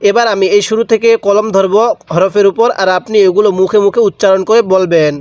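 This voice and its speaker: A man with a Bangladeshi Bengali accent teaches Quran reading as a step-by-step spelling lesson, sounding out each letter slowly and drawing vowels out long. He poses questions to the viewer and then answers them himself. His voice sits high, steady and darkish, with no echo.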